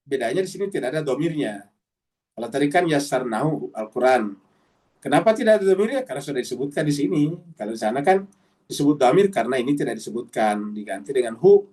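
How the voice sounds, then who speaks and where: A man teaching a Quran study session, explaining slowly with frequent checks and drawn-out recited Arabic phrases. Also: medium pitch, very animated, darkish tone. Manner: points to the text while teaching. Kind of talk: mosque study sermon. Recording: voice a bit far from the mic.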